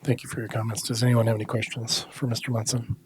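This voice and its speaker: A man with an American accent moderates a public meeting in a polite, procedural and somewhat halting way. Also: mid-range voice, flat delivery, slight background noise. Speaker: meeting chair.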